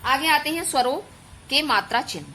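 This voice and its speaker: A woman's voice: sits high, lively intonation, moderate pace, bright, forceful tone, a little hiss or hum, low-quality recording. A woman schoolteacher giving an online grammar lesson to children, patiently explaining step by step and drawing out sounds as examples. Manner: addresses pupils as children. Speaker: school teacher.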